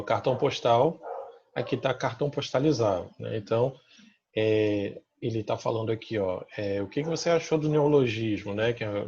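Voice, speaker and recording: A man with a Brazilian Portuguese accent teaches grammar, pointing out examples on the slide one by one. His voice is a little husky and sits at an ordinary pitch. The recording sounds dull and lo-fi. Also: darkish tone. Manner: checks in with listeners through constant tag questions. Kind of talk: remote grammar lesson explaining slides.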